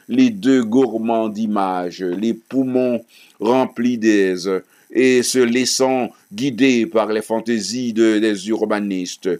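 A man reading a novel aloud, stumbling and restarting words now and then. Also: mid-range voice. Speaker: reader.

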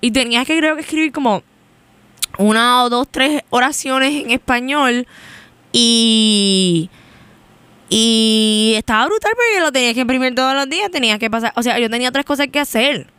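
A young woman from Puerto Rico, with a Puerto Rican accent, hosts a college radio show in a casual on-air chat, rambling and switching between Spanish and English mid-sentence. Her fairly high voice is a bit bright, clear and resonant, at normal speed with no echo.

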